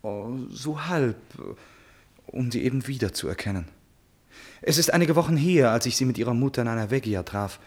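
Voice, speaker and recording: In a classic German radio play, a male actor voices an impulsive, self-absorbed prince who is in love, delivering theatrical exclamations and musing asides. His mid-range voice sounds natural and animated, moving at a moderate pace.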